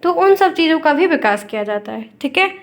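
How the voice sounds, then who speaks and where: High-voiced woman teaching an exam class. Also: expressive, a little fast. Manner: explains with everyday examples, checks in often. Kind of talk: exam-prep lecture.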